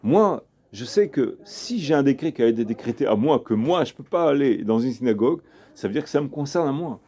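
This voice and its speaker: Animated gravelly rabbi teaching, man. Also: medium pitch, fairly quick. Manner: animated, emphatic, repeats himself, addresses the listener directly. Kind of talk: informal Torah lesson with a story.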